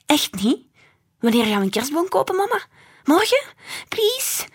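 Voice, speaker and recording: A woman voicing an excitable little girl who squeals and pleads in a storybook reading. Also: high voice, measured pace, pitched above the performer's own voice, full character voice. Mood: excited pleading. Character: excitable little girl, bouncy and greedy for cookies.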